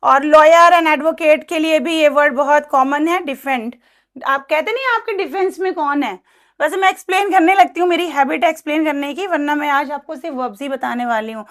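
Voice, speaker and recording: Woman, bright high voice, patient teacher repeating words for pronunciation. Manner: mixes Hindi and English, repeats each verb form slowly; careful pronunciation drills. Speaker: English teacher. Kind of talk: spoken grammar lesson.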